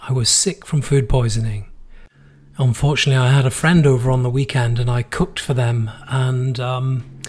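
A man from the United States with a hoarse, worn-out voice, hosting a podcast in a casual solo monologue. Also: medium pitch, darkish tone. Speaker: podcast host.

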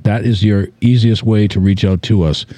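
A man co-hosting a podcast, talking in a relaxed, rambling way with lots of fillers. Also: on the low side, normal speed, no echo. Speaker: podcast co-host. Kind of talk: casual chat.

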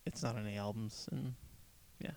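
A man co-hosting a podcast, casually retelling a movie with relaxed fillers. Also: on the low side, a little fast. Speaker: podcast co-host. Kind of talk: casual chat about a film.

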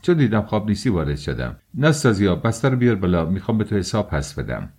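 A man's voice: on the low side, big pitch swings, a little mellow, husky, exaggerated voice. A man reading the lines of an eager, talkative young friend who fusses over a sick companion in an audiobook. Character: cheerful fussing young male friend.

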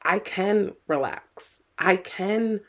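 A woman's voice: mid-range voice, extremely slow, fairly bright tone. A middle-aged woman co-hosting a podcast as a mother, talking earnestly and with worry, often repeating her words. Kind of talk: casual podcast chat.

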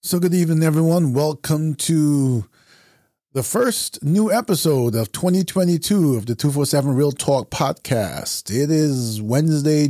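A man's voice: fairly high pitch, mellow, no room sound, studio quality. A man from Barbados hosting a solo podcast, talking in a reflective, conversational way with many fillers. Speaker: podcast host. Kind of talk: casual solo podcast talk.

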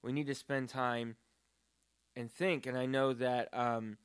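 A man's voice: mid-range voice, little pitch movement, takes it slowly, clean tone. A man talking about prayer in a casual, earnest and rambling way, with many fillers. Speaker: podcast co-host. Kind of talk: casual faith talk.

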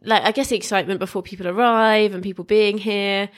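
A woman's voice: mid-range voice, steady tone, quick pace. A woman co-hosting a podcast in casual chat, talking with a stuffy nose, trailing off and laughing often, recorded in a room with the door open. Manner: chatty, laughs often, trails off mid-sentence. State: stuffy nose, about to sneeze. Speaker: podcast co-host.

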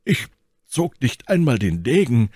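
A man's voice: medium pitch, sing-song, measured pace, darkish tone, husky, dry recording, studio quality, pitched above the performer's own voice. A man reading an audiobook, voicing a proud, dignified male musketeer in a firm, formal manner. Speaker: audiobook reader.

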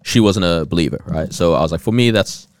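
A man's voice: deep voice, fast, clear, resonant tone, no room sound, clean studio sound. A young man talking informally and candidly with friends as a panelist in a casual chat. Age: young adult. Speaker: podcast panelist.

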